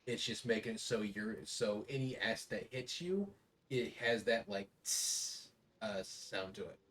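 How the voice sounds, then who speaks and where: A man improvising tabletop game narration as game master, in a halting, descriptive way. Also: fairly low pitch, fairly bright tone, a little hiss or hum. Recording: voice distant from mic.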